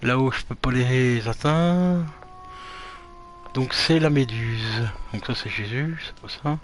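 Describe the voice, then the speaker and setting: A man's voice: mid-range voice, takes it slowly, a little hiss or hum. A man streaming a video game, muttering to himself and swearing as he searches around. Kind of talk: casual gaming commentary.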